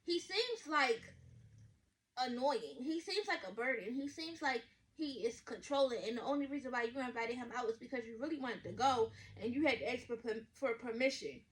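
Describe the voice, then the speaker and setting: Twenty-something girl, high voice, reacting loud and sassy with lots of slang. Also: moderate pace. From Baltimore, USA. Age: 20s. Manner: blunt, sassy, loud and animated with slang and swearing. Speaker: vlogger reacting to a reader's story. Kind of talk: casual reaction commentary.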